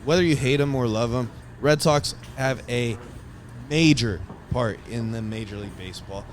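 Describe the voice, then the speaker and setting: A man's voice: mid-range voice, normal speed. Enthusiastic man narrating over city noise. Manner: enthusiastic, rambling with fillers. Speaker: vlogger giving a stadium tour.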